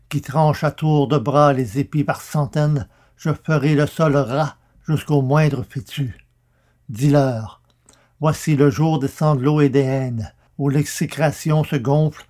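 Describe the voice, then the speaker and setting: A man's voice: a little high, mellow. A man voicing a wrathful old prophet, declaiming curses in solemn, thundering verse.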